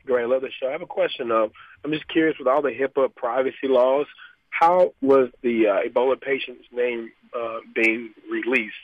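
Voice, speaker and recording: A radio show caller phoning in, a man with a slightly husky voice coming through a tinny phone line. He asks his question politely and hesitantly, breaking off and restarting as he goes. The line is dry, with no room sound. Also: mid-range voice, steady tone, normal speed, no echo. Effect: heard over a phone line on a call-in radio show. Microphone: telephone.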